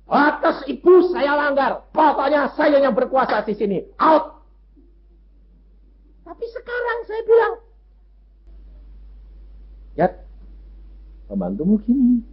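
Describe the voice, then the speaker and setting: Animated husky preacher man. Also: extremely high pitch. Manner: lively storytelling, acting out voices. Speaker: pastor. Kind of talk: sermon. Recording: muffled lo-fi recording.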